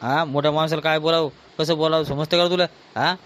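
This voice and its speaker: A man's voice: fairly high pitch, steady tone, fast, lightly acted. A man playing a drunk brawling village son. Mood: belligerent. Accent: Varhadi Marathi. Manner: aggressive, shouting threats. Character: drunk quarrelsome son demanding his land share. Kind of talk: village comedy skit.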